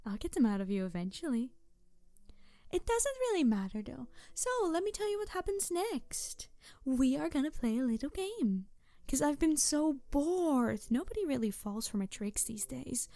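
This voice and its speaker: In a roleplay audio drama, a woman voices a tanuki trickster spirit who is mischievous and excitable, teasing, flirty, and quick to get huffy as she speaks directly to the listener. Her voice is high and her pace normal, with no echo. The mood is playful and mischievous.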